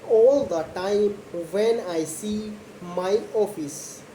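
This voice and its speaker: A young woman speaks English as a second language at an extremely slow, deliberate pace, pausing between short simple phrases. Her voice is soft-edged and mellow. The recording has an echoey room sound with faint noise behind it. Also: medium pitch. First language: not English. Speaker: host of a slow English speaking practice video. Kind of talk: slow spoken monologue about a daily routine for English learners.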